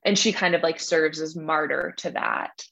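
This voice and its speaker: Animated young woman on a muffled line. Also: low voice, normal speed, gravelly. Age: young adult. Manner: animated, slangy storytelling. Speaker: podcast guest, graduate student. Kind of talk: casual chat.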